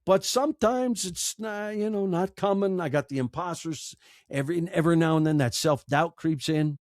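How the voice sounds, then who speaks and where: A middle-aged man from the United States, a podcaster and audiobook narrator, gives candid conversational interview answers in an earnest, emotional, emphatic way, repeating phrases. His slightly high voice moves at normal speed, and the very dry recording has no echo.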